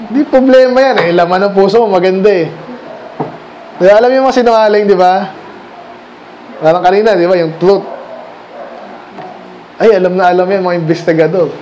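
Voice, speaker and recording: A man's voice: sits high, normal speed, long pauses, darkish tone, a little hiss or hum. A man from the Philippines preaching a sermon in a conversational style, firing rhetorical questions at the congregation and switching between Tagalog and English. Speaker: pastor. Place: church during a Sunday night service.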